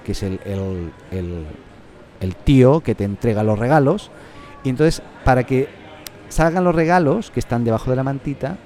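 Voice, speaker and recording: A man's voice: mid-range voice, mellow. A man with a Catalan accent hosting a casual podcast, rambling and joking with lots of restarts. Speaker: podcast host.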